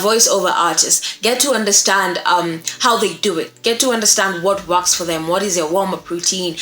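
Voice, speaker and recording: A young woman who teaches voice acting gives a casual, encouraging tutorial to camera, repeating key points for emphasis. Her voice is medium in pitch with a fairly bright tone. She's in a small indoor room that sounds echoey, with faint music in the background.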